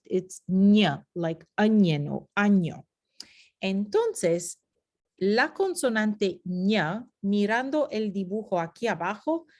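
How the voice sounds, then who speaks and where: A woman teaching a phonetics lesson over slides, explaining step by step and slipping into short English asides. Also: mid-range voice. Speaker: Spanish teacher.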